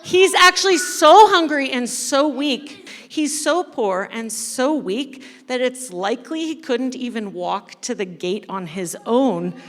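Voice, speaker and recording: In an echoey church hall with long reverb, a high-voiced woman who coordinates kids ministry leads the service through an interactive storytelling sermon. Her pace is slow and her manner playful, with direct address to the congregation and dramatic pauses.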